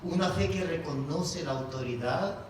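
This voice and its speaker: A man's voice: fairly high pitch, normal speed, background noise. A male pastor preaching a sermon to his congregation, firing off rhetorical questions and calling listeners "brother". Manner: addresses congregation as "hermano". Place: large church hall. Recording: echoey hall, mic at a distance.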